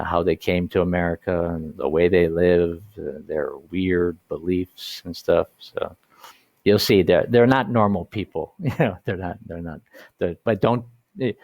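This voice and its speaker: A man teaching an online English lesson, talking in a halting way with many restarts and slow, stressed words. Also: deep voice, vocal fry, no echo, muffled recording.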